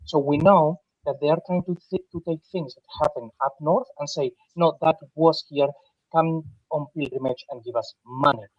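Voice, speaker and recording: A man's voice: fairly high pitch, moderate pace, no echo. A man speaks bluntly and emphatically in a casual online discussion, heard through a muffled headset mic that sounds underwater. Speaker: panel guest.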